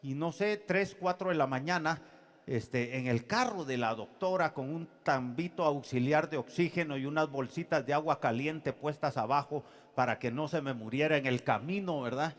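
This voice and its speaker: A man, a pastor giving a sermon, moving between loud preaching and quiet personal storytelling. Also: fairly high pitch, normal speed. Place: church. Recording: reverberant church hall.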